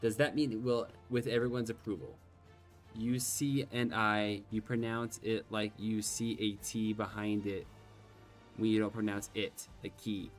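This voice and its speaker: While streaming a game, a man whose first language is Gaelic chats casually over faint game music, rambling, self-deprecating and swearing now and then. He has a slight lisp and a lowish, flat voice, and speaks a little slowly.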